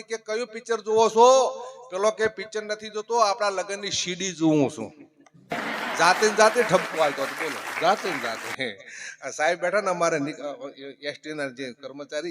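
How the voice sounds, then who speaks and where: A young man with a Gujarati accent telling comic stories live on stage, animated and acting out the characters in his jokes. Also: on the high side. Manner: animated, acts out quoted characters, shouts punchlines. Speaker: folk comedian and storyteller at a devotional music program.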